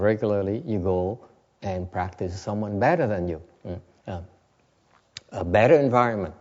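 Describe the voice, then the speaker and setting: A man's voice: lowish voice, dark tone. Man giving a meditation talk, dull recording. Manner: repeats each point in two languages, with chuckling asides. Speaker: Zen meditation teacher. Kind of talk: Saturday dharma talk. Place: temple Buddha hall.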